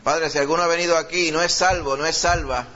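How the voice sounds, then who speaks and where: A male pastor with a Puerto Rican accent who leads a sermon, reads scripture slowly with rising emphasis, and prays fervently, repeating "Señor" and "Padre". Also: a little high, fairly even intonation, pushed and bright, dull audio, slight background noise. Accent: Puerto Rican Spanish. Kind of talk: sermon with scripture reading and prayer.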